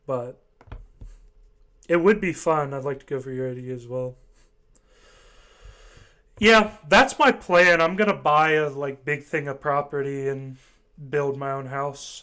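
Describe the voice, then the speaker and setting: A man's voice: mid-range voice, measured pace, long pauses, a bit bright. A young man from Ohio in casual chat, rambling and hesitant, full of fillers. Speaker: voice chat participant.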